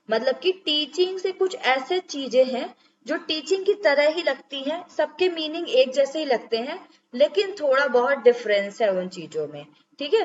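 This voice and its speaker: Young female lecturer with a high voice, explaining step by step, dull lo-fi recording. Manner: explains step by step, asks checking questions. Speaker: teacher. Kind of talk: exam-prep lecture.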